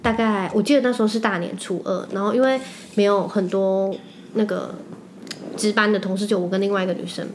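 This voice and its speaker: A woman's voice: mid-range voice, slight background noise. A young woman with a Taiwanese Mandarin accent, chatting on a podcast and telling stories animatedly and emphatically. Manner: animated storytelling, quick and emphatic. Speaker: podcast co-host. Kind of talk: casual chat.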